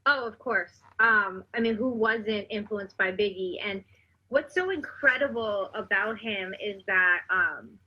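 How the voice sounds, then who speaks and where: A woman's voice: medium pitch, unhurried, breathy edge, lo-fi sound. A woman from South Africa, a rapper, chatting upbeat in a radio interview. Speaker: guest rapper.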